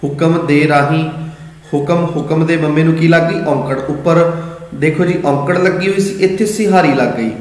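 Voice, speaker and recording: A man teaching scripture meanings and pronunciation, patient and repetitive, chanting verse lines slowly. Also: on the high side, a little mellow. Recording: very echoey hall.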